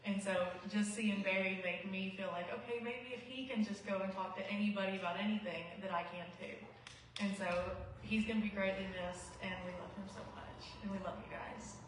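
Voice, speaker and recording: An earnest woman, quiet by her own account, gives a heartfelt memorial speech. Her voice is caught from a distance and rings through a very echoey hall. A faint background hum stays underneath. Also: medium pitch, steady tone, normal speed. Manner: self-described quiet, not a talker; earnest and heartfelt. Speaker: eulogy speaker. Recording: echoey hall, mic far off.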